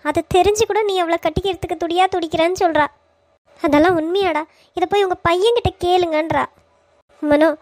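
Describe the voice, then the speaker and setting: A woman's voice: very high-pitched, dry recording. A woman voicing a pleading, hurt mother in a cartoon. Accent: Tamil. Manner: emotional, pleading. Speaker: voice actor in a Tamil cartoon.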